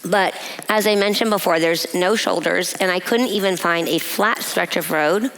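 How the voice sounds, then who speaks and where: A woman giving a personal testimony at a women's breakfast, telling a story in a measured way and laughing often. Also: on the low side, fairly bright tone, low-quality recording. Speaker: guest speaker. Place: event hall.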